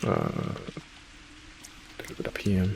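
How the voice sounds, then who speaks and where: A man hosting a let's play, thinking aloud in casual gameplay commentary, his voice slightly hoarse and cracking. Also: a bass voice, huge pitch swings, slow, darkish tone, a little hiss or hum. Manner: thinking aloud, hesitant, muttering directions.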